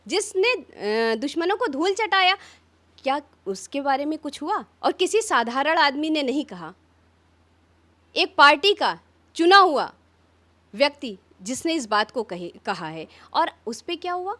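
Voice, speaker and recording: A high-pitched woman speaks with fire in a press interview. She piles up rhetorical questions, sharp and insistent, like a politician making her case. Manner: fiery, rapid rhetorical questions. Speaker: opposition politician.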